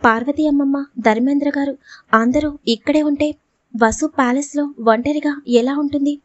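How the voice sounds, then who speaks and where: A frightened young woman in an audio storybook, pleading and firing off worried questions, read by a woman. Her voice is high and bright, and the recording is dry, with nothing behind it. She sounds tense and urgent throughout. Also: steady tone, no room sound, highs cut off, lightly acted. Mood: anxious, pleading. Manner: anxious, pleading, rapid questions. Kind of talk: storybook reading.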